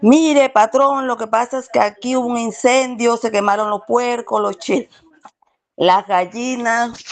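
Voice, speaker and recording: A woman's voice: on the high side, fairly even intonation, unhurried, pitched above the performer's own voice. A woman doing a nervous rustic farm steward. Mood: worried. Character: humble rural male farm steward.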